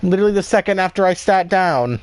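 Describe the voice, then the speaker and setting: Man, slightly high voice, ranting and exasperated, casual stream chat. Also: expressive, quick pace. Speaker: gaming streamer. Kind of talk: casual chat while playing.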